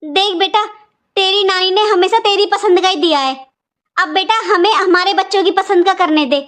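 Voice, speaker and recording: A woman's voice: very high voice, normal speed, fairly bright tone. A woman voicing a stingy, scolding aunt by marriage in a cartoon, with a taunting, complaining manner. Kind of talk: cartoon voice acting.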